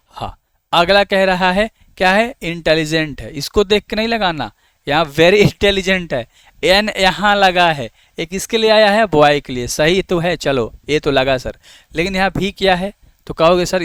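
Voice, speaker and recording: A man teaches an exam-prep grammar lesson, coaxing his students along and answering his own questions for them. His voice sits somewhat high and sounds smooth and clear. The recording is close and dry, with no room sound. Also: fairly bright tone, no room sound. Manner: coaxing, calls students "babu".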